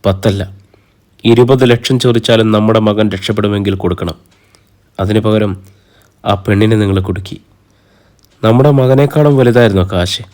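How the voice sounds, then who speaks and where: A man's voice: fairly low pitch, normal speed, pauses often, a little mellow, close to an everyday voice. A man voicing a distraught mother who accuses her husband of betrayal. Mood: accusing.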